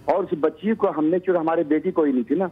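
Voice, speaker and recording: A middle-aged man from Pakistan calling in to a show, sharing a story earnestly and haltingly. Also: on the high side. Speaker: caller. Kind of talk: phone-in call. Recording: tinny phone line, husky.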